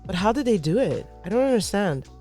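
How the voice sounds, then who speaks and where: A woman co-hosting a reaction channel, chatting in a relaxed, low-key way and trailing off as she thinks. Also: brisk, soft background music. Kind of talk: casual chat.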